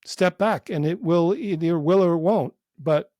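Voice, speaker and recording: A man who works as a psychotherapist, guiding a short meditation in a calm, unhurried, gently inviting voice with long pauses. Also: high voice, dry recording, clean studio sound. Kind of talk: guided meditation within a podcast interview.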